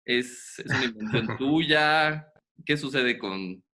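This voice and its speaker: A man hosting a podcast, asking questions in a lively, chatty way. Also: medium pitch, slow pace. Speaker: podcast host, interviewer. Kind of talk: casual interview conversation.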